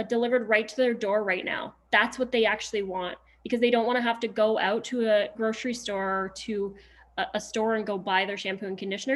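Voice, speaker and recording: A woman leading a casual sales coaching session on a video call, chatty and upbeat, with lots of fillers and laughs. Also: fairly high pitch. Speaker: sales trainer on a group call.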